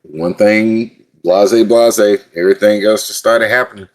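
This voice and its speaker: A man's voice: fairly low pitch, unhurried. A man co-hosting a casual podcast, venting heatedly and swearing a lot about a friend's blame. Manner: profane, venting, animated. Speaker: podcast co-host. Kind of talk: casual chat.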